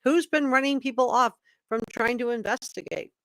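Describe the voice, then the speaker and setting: A woman's voice: on the high side, moderate pace, a bit bright, dry recording, poor audio. A woman hosting a live commentary stream, reading statements aloud emphatically with opinionated, informal asides. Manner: emphatic, repeats key words for effect; opinionated, informal asides between read passages. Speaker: livestream host commentator.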